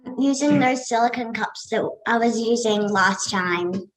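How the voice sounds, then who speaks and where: A woman taking part in a cooking class, giving brief relaxed replies. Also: on the high side, measured pace, roomy sound, rough recording. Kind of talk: casual chat.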